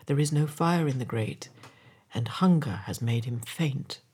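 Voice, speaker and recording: A woman voicing a gentle, sorrowful statue of a prince, compassionate and quietly commanding, in a solemn storybook manner. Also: very deep voice, unhurried, slightly rough, voice pushed down, exaggerated voice. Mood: compassionate, grave. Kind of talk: storybook character voice.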